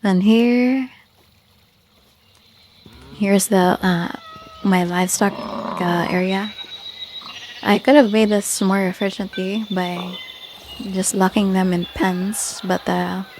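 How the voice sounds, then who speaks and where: In this casual game tour, a woman walks through a Minecraft village she made herself, speaking without a script and frequently searching for words. Her medium-pitched voice stays fairly even, moving at a slow pace with long pauses. Background noise can be heard.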